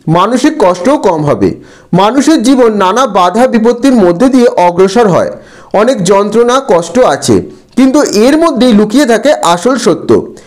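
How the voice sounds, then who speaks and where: A man explains textbook answers to students. His delivery is slow and deliberate, spelling out words syllable by syllable, and his pitch moves in a lively way. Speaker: teacher.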